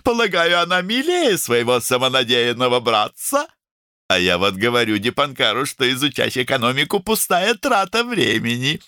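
A man's voice: mid-range voice, big pitch swings, normal speed, pushed and bright, no room sound, clean studio sound, voice pushed up. A man voicing an outspoken middle-aged woman doctor who talks emphatically and teases. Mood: emphatic. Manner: emphatic, scolding, teasing.

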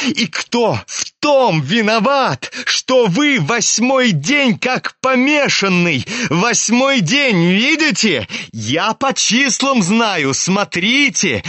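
A man voicing a spiteful shouting young man. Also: very high voice, dry recording, pitched above the performer's own voice, full character voice. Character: bitter young man, sharp and resentful. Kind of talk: audiobook character reading.

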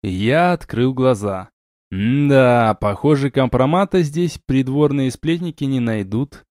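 A man narrating a first-person fantasy audiobook with a lively, ironic delivery on a close studio mic. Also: mid-range voice, slow, no echo.

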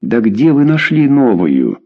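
A man's voice: mid-range voice, huge pitch swings, a little slow, phone-quality sound, heavily acted. A man voicing a skeptical male official who talks in a dry, bored voice.

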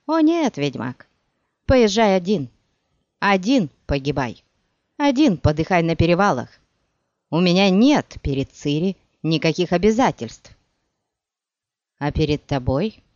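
A woman voicing a proud, scornful sorceress who speaks in a sharp, biting, mocking way, in an audiobook. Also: fairly low pitch, very animated, unhurried, no echo. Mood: furious. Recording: dull dry recording.

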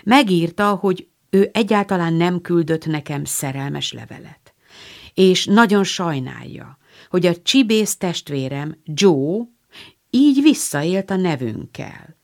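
A woman reading the part of a gentle older teenage sister, speaking hesitantly and apologetically. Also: fairly low pitch, expressive. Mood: ashamed.

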